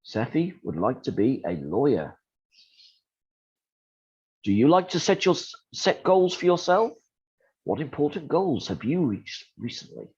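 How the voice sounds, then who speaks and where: Guy, husky voice, dry jokes, kinda muffled call audio. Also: mid-range voice, very animated, measured pace, long pauses, darkish tone. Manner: dry, self-deprecating humor. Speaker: native-speaker guest teacher. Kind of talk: casual class chat.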